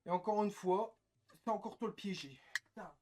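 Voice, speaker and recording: A young man ranting on a live stream, bitter and frustrated, cursing often, repeating himself and swinging between loud outbursts and low muttering. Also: normal speed. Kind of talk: casual live-stream rant.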